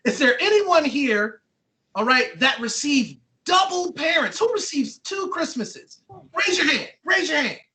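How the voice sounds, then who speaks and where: Reading a children's book aloud with question-and-answer, an author quizzes the kids, praises them, echoes their answers, and checks in with "right?" and "okay." The voice is high with big pitch swings, a measured pace, and a sharp tone.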